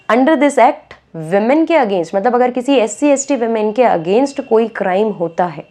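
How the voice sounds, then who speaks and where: A young woman explains a school lesson in a relaxed, chatty way, pausing often to check that her students follow. Her voice is mellow and soft-edged, at an ordinary middle pitch. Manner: conversational, mixes English terms into Hindi, frequent "theek hai" check-ins. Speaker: teacher.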